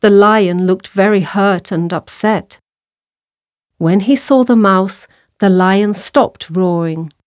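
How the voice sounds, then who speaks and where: A woman reading a children's story aloud for a language exercise, clear and measured. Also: medium pitch, darkish tone, dry recording, studio quality. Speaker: narrator.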